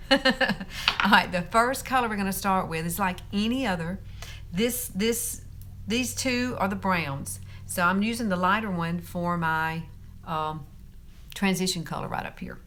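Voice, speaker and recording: A woman's voice: lowish voice, a bit bright. A woman in her fifties giving a chatty live makeup tutorial, laughing often and talking straight to her viewers. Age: 50s. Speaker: beauty vlogger.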